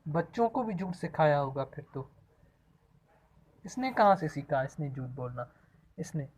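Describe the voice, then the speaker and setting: A woman's voice: low-pitched, expressive, a little slow, a little mellow, breathy edge. A woman questioning a little girl in a persistent, teasing way in a casual family video. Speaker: parent questioning a child.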